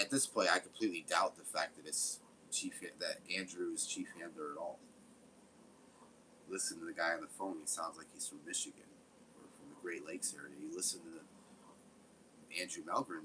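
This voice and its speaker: A man's voice: low voice, pushed and bright, a little hiss or hum, rough recording. A man giving casual, rambling gameplay commentary, swearing often. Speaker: game streamer.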